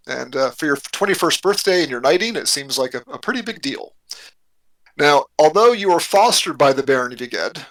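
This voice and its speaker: A man narrating as game master of a tabletop role-playing game, halting and repeating words as he sets the scene. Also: medium pitch, pushed and bright, poor audio.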